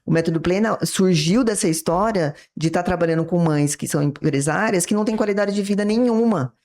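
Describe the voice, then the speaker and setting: A woman's voice: on the low side, brisk, darkish tone. Brazilian woman explaining like a teacher. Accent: Brazilian Portuguese. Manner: didactic, acts out little dialogues from examples. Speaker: psychiatrist guest. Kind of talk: explanatory interview talk.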